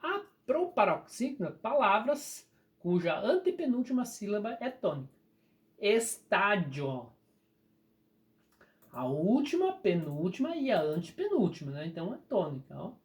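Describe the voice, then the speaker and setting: A teacher with a Brazilian Portuguese accent patiently explains a recorded grammar lesson, slowly drawing out key words. The mid-range voice is sing-song and a little mellow.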